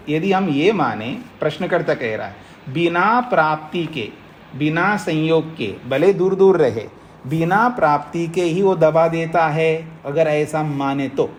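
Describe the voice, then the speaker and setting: A male teacher lectures on a philosophy text. His voice sits a touch high for a man, and he works through each point patiently, stopping to check that the class follows. A faint hiss runs under the talk. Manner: explains slowly, keeps checking the listeners follow. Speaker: teacher of Nyaya philosophy, swami. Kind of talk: Hindi scripture lecture to a class.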